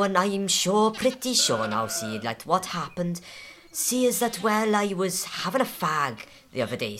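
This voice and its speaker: A woman's voice: medium pitch, a bit bright. A woman doing rambling farmhand Owen. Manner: rambling, hesitant, full of fillers. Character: rambling male farmhand, simple and long-winded.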